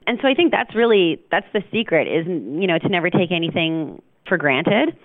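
A woman's voice: lowish voice, lively intonation, moderate pace, dry recording. A woman who directs programming at a radio station, answering interview questions in a chatty, enthusiastic way with many fillers. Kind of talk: interview guest. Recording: dry, tinny phone line.

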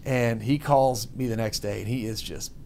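A man from Texas hosting a casual chat, telling stories with lively voice mimicry. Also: mid-range voice, normal speed, slight background noise. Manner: animated storyteller, mimics voices.

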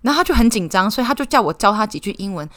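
A woman's voice: medium pitch, sing-song, racing, fairly bright tone. A young woman with a Taiwanese Mandarin accent hosting a podcast, teasing her guest and laughing often in casual chat. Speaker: podcast host.

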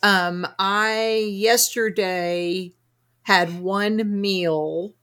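Speaking very slowly, a woman with an American Southern accent from Arkansas hosts a casual interview. Her medium-pitched voice is fairly bright and steady in tone. She's a podcast host and fasting coach, and her manner is chatty, effusive, and anecdotal.

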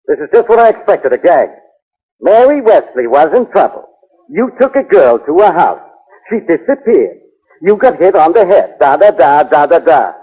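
An impatient, sarcastic police inspector in an old radio drama. He blusters in a fairly high voice that swings widely in pitch. The sound is that of a vintage 1940s broadcast. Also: very animated, normal speed, dark tone, breathy edge, muffled recording. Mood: scornful.

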